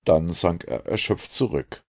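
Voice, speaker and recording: A man narrating an adventure audiobook in a dramatic, expressive way. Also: deep voice, measured pace.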